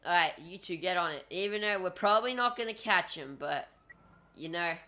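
A young man giving casual, excitable gameplay commentary as a YouTuber, talking to himself and swearing at the game. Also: sits high, brisk. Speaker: gaming YouTuber.

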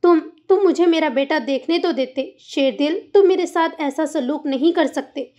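A woman's voice: high voice, normal speed, warm tone, lightly acted. A woman voicing a young mother who talks in a pleading, insistent, upset way. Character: young mother, fiery and demanding.

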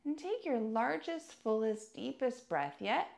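A yoga teacher with a higher-pitched voice and some vocal fry leads a guided meditation. She speaks calmly and soothingly, with deliberate pauses between phrases.

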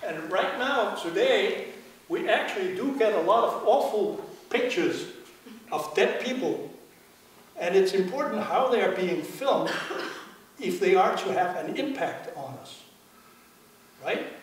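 Rambling high-voiced male lecturer, echoey hall. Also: expressive, a little slow, recorded from a distance. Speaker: university lecturer. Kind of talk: live lecture to an audience. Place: large lecture theatre.

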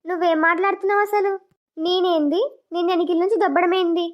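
A sly young sister-in-law in a village cartoon who mutters her plots aloud, as a woman voices her. Her voice sits very high, and the audio sounds dull and lo-fi. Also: fairly even intonation, quick pace. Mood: defensive. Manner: muttering to herself, plotting.

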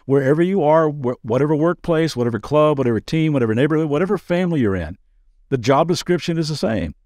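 A man's voice: on the high side, lively intonation, a little mellow, no echo. Pastor guy doing a daily devo podcast, talks earnest and casual, cracks little jokes, dead dry room. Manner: conversational and earnest, with quick asides and playful jokes. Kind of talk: daily devotional podcast teaching.

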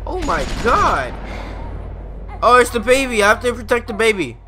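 Excitable young man reacting to a game. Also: very high-pitched, moderate pace. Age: 20s. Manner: jumpy, excitable, shouts at the game. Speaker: let's play gamer. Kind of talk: reacting to gameplay.

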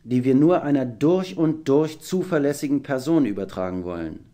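A man voicing a calm, wise adult male engine driver in an audiobook reading, speaking deliberately and thoughtfully. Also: medium pitch, voice pushed up, close to an everyday voice. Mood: serious. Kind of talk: audiobook character voice.

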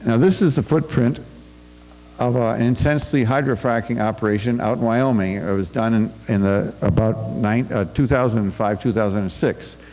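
At a farm forum in a school's echoing auditorium, an older American man delivers a written speech into a stand-mounted podium mic, now and then tripping over words, starting again or making side remarks. His mid-range voice is darkish, with fairly even intonation at a normal speed, and faint music plays in the background.

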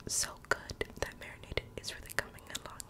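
A woman performs a whispered role-play for ASMR, barely voicing her words. Her delivery is soft and breathy, playful and doting, as if tending closely to the listener. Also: brisk. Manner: playful, doting personal attention.

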